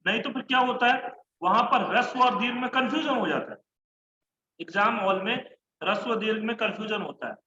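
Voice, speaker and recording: A man's voice: sits high, brisk, bright, forceful tone, reverberant, muffled recording, slight background noise. A man teaching an online Sanskrit class, chanting word forms in rhythmic lists and correcting his students. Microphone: online class call mic.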